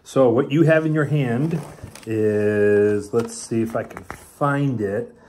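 A man's voice: medium pitch, slow, a little mellow, slight background noise. A father casually reviewing snacks with his child, reading the package blurbs aloud and teasing playfully.

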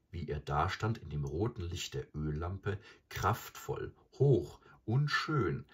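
A man narrating a classic tale as an audiobook in an expressive storytelling way. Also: sits low, slightly rough.

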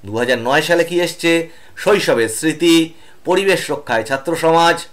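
Male teacher, slightly high voice, reads lists steadily with filler pauses, online class. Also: fairly bright tone. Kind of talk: online exam-prep lesson.

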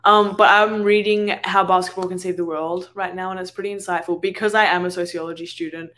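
A young adult woman with an Australian accent co-hosts a casual podcast, rambling along with lots of fillers and restarts. Her voice is lowish and steady, a bit bright, and a little fast.

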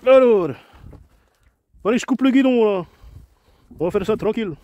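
Tired, high-voiced man rambling outdoors. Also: moderate pace, lo-fi sound, very noisy. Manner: rambling, chatty, talks to himself and his animals. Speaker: vlogger doing garden DIY. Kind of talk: casual self-narrated vlog. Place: outdoors in a garden. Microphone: head-mounted camera.

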